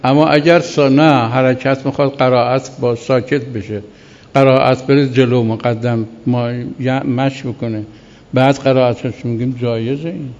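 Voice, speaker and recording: A man teaching Islamic law in a class, reading a legal text slowly and then explaining it with many repetitions. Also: medium pitch, steady tone, a little mellow, long reverb tail, lo-fi sound. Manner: reads Arabic text slowly, then explains by repeating himself.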